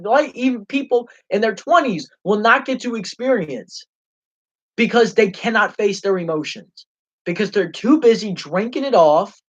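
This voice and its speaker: His voice high and a bit bright, a young livestream host rants angrily and passionately off the cuff, swearing a lot and getting heated. The stream audio is lo-fi and dull.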